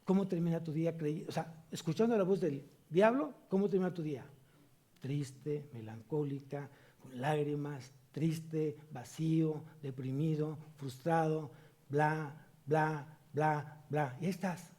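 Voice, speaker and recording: Pastor, male, high and mellow voice, emphatic sermon delivery with questions to the congregation. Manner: preaching with rhetorical questions to the congregation; slow emphatic reading of scripture. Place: church service.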